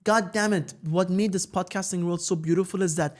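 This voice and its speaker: A man's voice: sits high, steady tone, fairly quick. A man hosting a casual podcast conversation, talking in emphatic slang, repeating phrases for weight and swearing freely.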